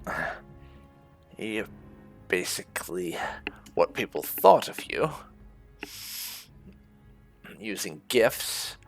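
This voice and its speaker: Over game music, a female gaming video host plays and talks casually, frequently thinking out loud. She has a gravelly, bass-register voice.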